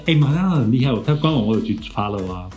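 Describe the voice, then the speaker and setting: A man's voice: mid-range voice, animated, fast, a little mellow, soft background music. A man hosting a podcast as a radio DJ, chatting casually and teasingly, spelling words out letter by letter. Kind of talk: casual chat.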